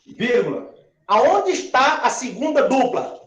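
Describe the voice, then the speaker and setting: A man's voice: extremely high pitch, big pitch swings, slow, a bit bright. A male chemistry teacher, giving a classroom lecture, asking the class questions and spelling out syllables as he counts aloud. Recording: roomy, dull-sounding classroom recording.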